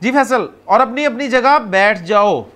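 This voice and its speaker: Man, Arabic grammar teacher, high voice, patient explaining, calls on students, drawn-out repetitions. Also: expressive, fairly bright tone. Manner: repeats words slowly, drawing them out. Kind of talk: classroom grammar lesson.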